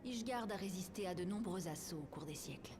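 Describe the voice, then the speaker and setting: A woman voicing a solemn young male noble in a game, with a formal, measured delivery. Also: on the low side, animated, noisy background, natural voice. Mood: grave. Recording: game music clearly behind.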